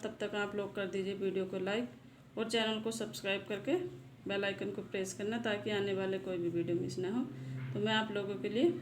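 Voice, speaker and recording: A woman hosting a casual vocabulary lesson, asking a question and answering it herself, repeating each word twice. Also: mid-range voice. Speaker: channel host and English teacher. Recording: echoey room with faint noise.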